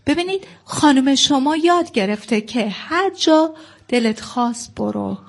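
A woman's voice: high voice, expressive, gravelly. A woman counselor advising a couple, speaking to them directly and instructively. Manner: instructive, addresses guests directly. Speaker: family counselor. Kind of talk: counseling advice.

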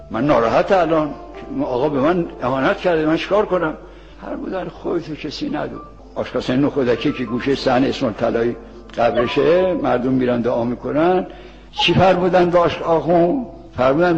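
Gravelly cleric preaching in a reverberant hall. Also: male voice, medium pitch. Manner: plain-spoken, tells anecdotes, asks and answers his own questions. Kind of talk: colloquial moral sermon to seminary students. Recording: lo-fi archival recording with long reverb and faint music.

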